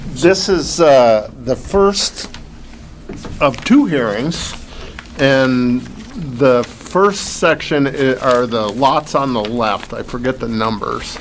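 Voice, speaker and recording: A man giving an unscripted, halting explanation as an applicant at a public hearing. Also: medium pitch. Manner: halting, searching for words. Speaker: applicant presenting a land plan. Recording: faint meeting room noise.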